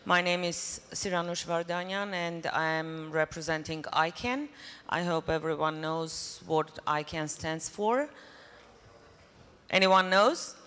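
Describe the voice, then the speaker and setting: A woman's voice: fairly low pitch, takes it slowly, fairly bright tone, clear, resonant tone. A woman from Armenia presenting at a conference in English, friendly and speaking directly to the audience. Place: conference hall. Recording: reverberant hall.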